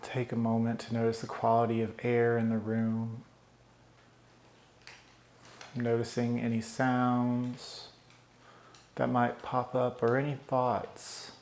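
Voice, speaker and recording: A man leading a guided meditation, giving calm, soothing breathing instructions with long pauses. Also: medium pitch. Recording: roomy echo.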